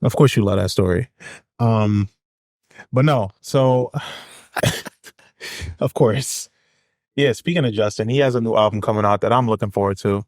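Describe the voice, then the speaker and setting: A man co-hosting a music podcast in relaxed, casual chat. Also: on the low side, unhurried, long pauses, no room sound, clean studio sound. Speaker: podcast co-host.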